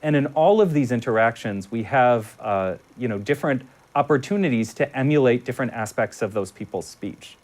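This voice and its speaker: Calm analytical male speech expert, ordinary mid voice. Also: medium pitch. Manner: measured, analytical. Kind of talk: interview explanation.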